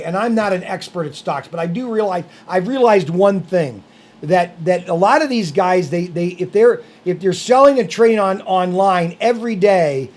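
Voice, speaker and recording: A high-pitched, slightly mellow male voice belongs to a podcast host on a casual talk-show rant. He rambles heatedly, with many restarts and filler words, raising his voice to push his points.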